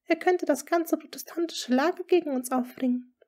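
A woman voicing an anxious lady-in-waiting in an audiobook, speaking high, tense and trembling. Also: normal speed, darkish tone, lightly acted. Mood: alarmed. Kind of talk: audiobook character reading.

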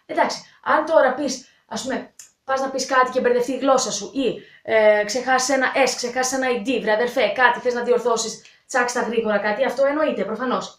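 A woman from Greece hosts a casual video lesson, talking directly and chattily to her students. Her voice sits high, and a roomy echo hangs around it. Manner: chatty, direct, addresses viewers as kids. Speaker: English teacher and channel host.

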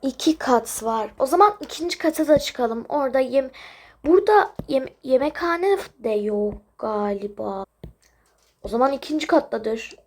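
A woman's voice: sits high, lively intonation, normal speed, darkish tone. A woman voicing children in a playful toy-game role-play, chatting through the scenes in character.

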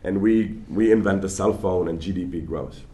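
A man's voice: sits low, normal speed. Man lecturing in an echoey hall. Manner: animated, conversational, with many restarts and stammers. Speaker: guest lecturer. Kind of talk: public lecture.

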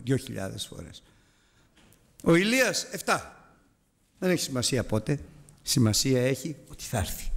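A man's voice: medium pitch, gravelly, breathy edge. A man teaching a preaching Bible lesson, firing rhetorical questions at his listeners with self-mocking asides.

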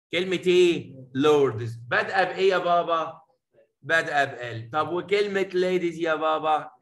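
Bright-voiced Egyptian man teaching poetry. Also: a little high, roomy sound, poor audio. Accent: Egyptian Arabic. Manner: affectionate, addresses students as "habibi" and "baba"; mixes Arabic explanation with slow English reading. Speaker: English teacher. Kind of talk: classroom poetry lesson. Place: classroom.

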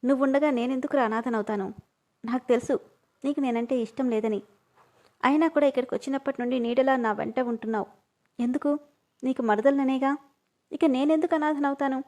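A woman's voice: sits high, fast talker, a little mellow, natural voice. A woman reading the part of an emotional young woman who pleads and cries, in a storybook. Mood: tearful.

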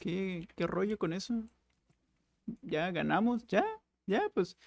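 Young guy rambling over minecraft, kinda gravelly, slow talker, dry close mic. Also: high-pitched, no room sound. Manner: chatty, jokey, bursts of excited exclaiming. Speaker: gaming YouTuber. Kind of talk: casual Minecraft let's play commentary.

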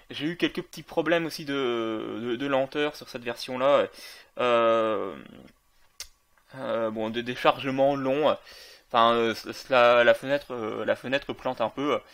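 A man's voice: medium pitch, takes it slowly, fairly bright tone. A man casually commenting on a video game while playing, with many fillers and self-corrections. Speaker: gaming video creator.

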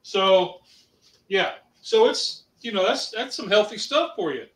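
A man from Ohio, USA, co-hosts a casual livestream, chatting and reading out viewer comments in a hesitant way with lots of fillers. His high voice has lively intonation and a bit of brightness, and he speaks a little slowly. The roomy recording, with the mic at a distance, carries a little hiss or hum.

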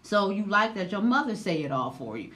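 Seated indoors in front of a camera, a reaction vlogger in her thirties talks fairly quickly in a loud, expressive, slangy style. When something riles her, her voice jumps up high.

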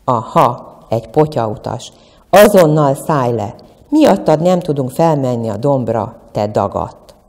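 An indignant train driver who shouts at a freeloader, as a woman storyteller puts him on. The voice is low and dark. It rings in a reverberant room. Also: expressive. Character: startled, irritated male train driver.

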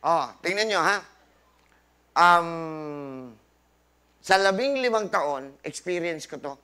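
Bright-voiced doctor preaching health. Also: male voice, a little high, animated, slow pace, smooth. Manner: preachy, asks rhetorical questions, quotes scripture; jokey asides, mixes English into Tagalog. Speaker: doctor hosting a health forum. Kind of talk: lecture to a live audience. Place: live forum in front of an audience.

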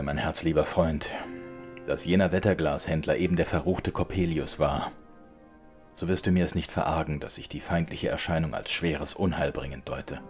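A man reading a classic tale aloud as an audiobook, in a measured, dramatic way. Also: a bass voice, a little mellow. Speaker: audiobook reader. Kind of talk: scripted literary narration.

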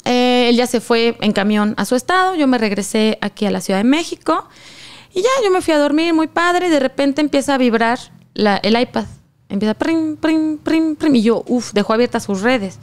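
Lively Mexican woman telling a story. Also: on the high side, a little fast, clear, resonant tone. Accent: Mexican Spanish. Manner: animated, slangy, acts out quoted lines. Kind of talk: casual storytelling chat.

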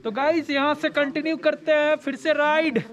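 A man's voice: extremely high pitch, flat delivery, moderate pace, a crowd in the background. A man in his thirties hosting a casual motorbike vlog outdoors on mountain roads, chatting with viewers and friends through a helmet camera mic. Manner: chatty, addresses viewers as guys. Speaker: motovlogger host. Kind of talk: casual moto vlog narration. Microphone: helmet or action camera mic. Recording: wind and engine noise outdoors.

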